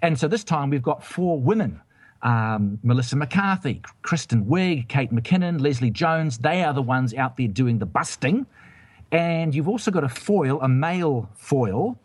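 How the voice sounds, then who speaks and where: A man's voice: medium pitch, animated, measured pace, husky, dry recording. A man hosting a casual film review chat, rambling and hesitant with many restarts. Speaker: film review show host.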